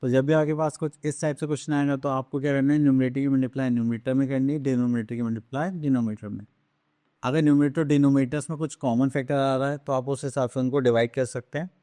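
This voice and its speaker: A man teaching a math lesson on fractions, asking questions and answering them himself, slipping into English terms and reading numbers out slowly. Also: mid-range voice, mellow, dry recording, clean studio sound. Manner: drawn-out slow reading of numbers.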